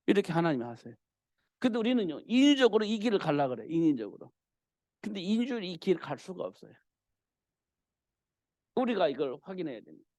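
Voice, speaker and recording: A male pastor preaching a sermon in a church, telling the story with animated delivery. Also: high-pitched, fast, pauses often, dry recording. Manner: animated storytelling, acting out the king's cries.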